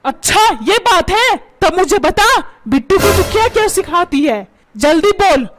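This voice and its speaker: Cartoon dad, quick-tempered and nagging, voiced by a woman in a very high, bouncy register over loud music. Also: sing-song, full character voice. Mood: demanding. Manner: scolding, repeats insults. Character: scolding middle-aged father, short-tempered. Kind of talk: Hindi cartoon voice acting.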